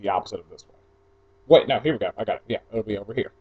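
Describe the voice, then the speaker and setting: A man's voice: on the low side, very fast, slightly rough. A young man from New Jersey and Atlanta chatting casually and offhandedly, reading through a questionnaire for an audio blog post with wandering asides. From New Jersey, mostly raised in Atlanta. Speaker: blogger recording an audio post. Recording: slightly dull lo-fi home recording.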